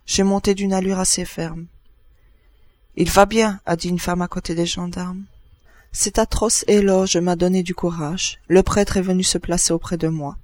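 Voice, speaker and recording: A man narrates a first-person literary passage at a measured pace, pausing between short phrases. His voice sits high and stays even, with little rise and fall. The recording is dry and close, with no room sound. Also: no room sound. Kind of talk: scripted narration of a literary text.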